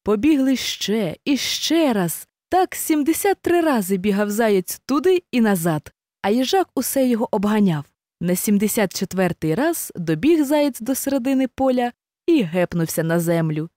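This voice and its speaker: A woman reading a children's fairy tale aloud in an expressive, animated way. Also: fairly high pitch, normal speed, no echo, studio quality. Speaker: storyteller. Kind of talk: storybook reading.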